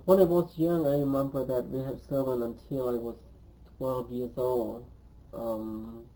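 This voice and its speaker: A warm, medium-pitched male voice belongs to a Cambodian man in his twenties sharing memories of his life in English for an oral history interview. Hesitant throughout, he frequently pauses to say um, and the audio quality is poor.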